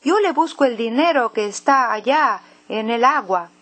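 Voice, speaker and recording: A woman voicing a brave, clever young boy who speaks calmly and confidently. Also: a little high, normal speed.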